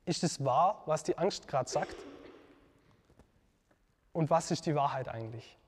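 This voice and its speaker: A man's voice: on the high side, unhurried, a little hiss or hum. Earnest man in a reverberant space. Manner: earnest, reflective, with fillers and self-corrections. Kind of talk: devotional teaching talk.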